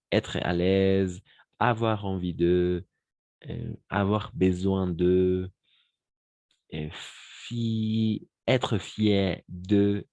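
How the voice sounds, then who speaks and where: A man teaching French to Spanish speakers, who repeats phrases slowly and switches into Spanish to explain. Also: low voice, darkish tone, no room sound.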